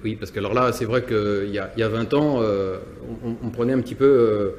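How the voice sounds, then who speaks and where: In a lowish, slightly mellow voice with fairly even intonation, this Nantes business owner talks a little fast. His interview answers are hesitant personal reflections with many restarts and repeated words, and there's a little hiss or hum.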